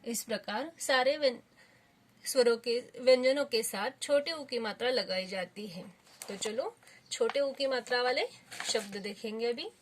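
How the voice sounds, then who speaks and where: A woman teaching young children, speaking slowly and patiently and sounding out each syllable. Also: a little high, a little hiss or hum. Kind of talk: children's lesson.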